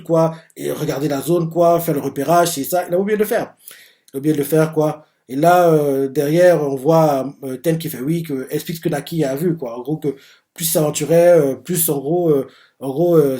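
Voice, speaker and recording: A man's voice: on the high side, mellow. A man casually recapping a manga chapter, rambling and leaning heavily on filler words. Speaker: manga reviewer.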